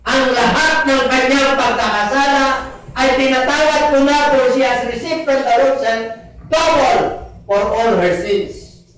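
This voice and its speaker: High-voiced pastor in echoey hall. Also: male voice, a bit bright. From Philippines. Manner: preaches in Tagalog mixed with English, reads scripture aloud; polite "po", frequent "ah" hesitations. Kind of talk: sermon. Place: church hall. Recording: very echoey, voice from far off.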